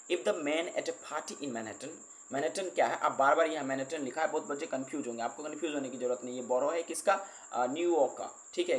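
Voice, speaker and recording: Casting note: male tutor, reads English lines slowly, medium pitch, faint noise behind. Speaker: teacher. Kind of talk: explaining a book line by line.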